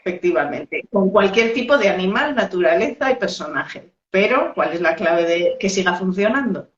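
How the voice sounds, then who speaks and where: A woman co-hosting a relaxed talk on storytelling, tossing in playful, ironic asides. She comes through a video call, so her voice sounds roomy, echoey and slightly dull. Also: medium pitch, normal speed. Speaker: co-host. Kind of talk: casual chat about storytelling. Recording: echoey, muffled call audio.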